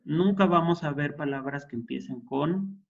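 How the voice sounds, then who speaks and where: A man's voice: a little high, moderate pace, vocal fry, highs cut off. A man teaching an introductory Hebrew class, explaining patiently and checking in with his students. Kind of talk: classroom lesson.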